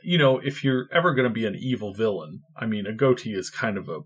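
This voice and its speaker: A man's voice: on the low side, animated, fast, slightly rough. A man co-hosting a podcast in casual chat, playful and rambling, with many fillers. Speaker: podcast co-host.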